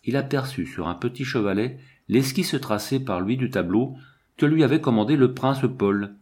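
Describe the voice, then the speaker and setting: A man narrating an older novel in a measured, expressive reading. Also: medium pitch. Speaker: audiobook narrator. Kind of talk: literary narration.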